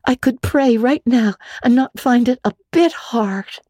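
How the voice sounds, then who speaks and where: In a storybook reading, a woman voices an imaginative, talkative young girl, earnest and dramatic, gushing with chatter in a dreamy, happy mood. She pitches her fairly high, mellow voice above her natural range and speaks at a measured pace, with no room sound.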